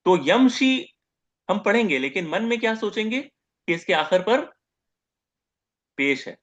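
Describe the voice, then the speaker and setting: Higher-voiced man teaching a grammar lesson. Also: very animated, measured pace. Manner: asks questions and answers them himself, repeats terms, says "okay" often. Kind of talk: grammar lecture.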